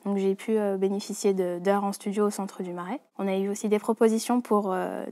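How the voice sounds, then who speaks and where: A woman's voice: medium pitch, steady tone, a little fast, dark tone. Young French Guianese woman, hesitant. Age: 20s. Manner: hesitant, many fillers and restarts. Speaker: dancer and choreographer. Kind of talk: interview monologue.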